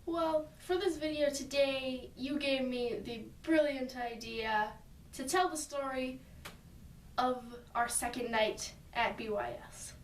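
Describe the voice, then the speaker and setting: A young woman telling a story casually to a friend on camera, chatty and a little halting. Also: high-pitched, a little hiss or hum. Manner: chatty, a bit halting, with fillers. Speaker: vlogger. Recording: roomy echo, mic at a distance.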